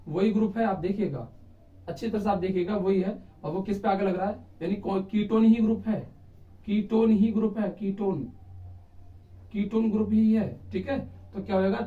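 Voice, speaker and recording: A man with a high voice teaches a chemistry lesson at a board, often pausing to ask his students whether they follow. He sounds far from the microphone in a roomy space, and the recording is dull and lo-fi. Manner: repeats checks like "clear?" and "theek hai", counting carbons aloud.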